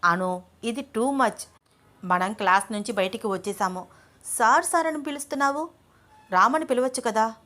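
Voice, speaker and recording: A woman's voice: on the high side, normal speed, long pauses, pushed and bright. A woman voicing a stern young male lecturer who scolds his wife firmly. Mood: coaxing. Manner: scolding, firm.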